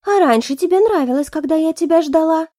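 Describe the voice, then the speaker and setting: Lady doing a pouty whiny young woman, squeaky high and cooing. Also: expressive, brisk, dark tone, no echo, studio quality.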